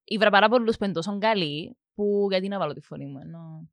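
A woman's voice: medium pitch, creaky, no room sound. A young woman with a Cypriot Greek accent, a music production student answering interview questions casually, hesitating with many fillers and mixing in English words. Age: young adult.

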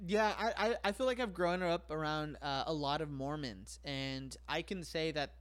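Fairly high in pitch, with a clear, resonant tone, this man talks at normal speed as a podcast guest. The chat is casual, and he keeps it frank and profane, full of fillers and jokes at his own expense.

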